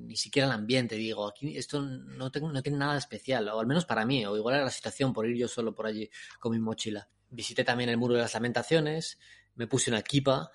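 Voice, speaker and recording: A man, casually telling a travel story on a podcast and laughing as he goes. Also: medium pitch. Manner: animated, laughs while telling. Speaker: podcast co-host.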